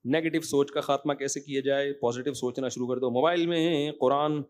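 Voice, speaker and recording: A man's voice: mid-range voice, fairly even intonation, darkish tone. A man giving a religious lecture as an Islamic scholar, talking emphatically and conversationally, with frequent rhetorical questions to his listeners, then answering their questions.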